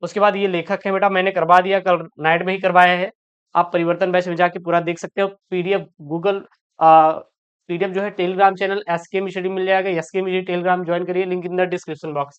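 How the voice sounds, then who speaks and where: A woman's voice: fairly low pitch, level tone, clear, resonant tone, dull audio. A woman teaching an online exam-prep lesson. She calls her students "beta", reads each question aloud, often repeats it, then answers it. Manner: addresses students as "beta", quick and explanatory.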